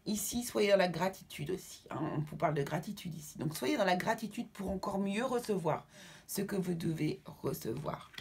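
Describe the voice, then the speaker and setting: Husky-voiced woman giving a tarot reading. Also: mid-range voice, lively intonation, normal speed, darkish tone. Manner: reassuring, checks in with listeners; affectionate sign-offs to viewers. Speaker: tarot card reader. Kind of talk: tarot reading addressed to viewers.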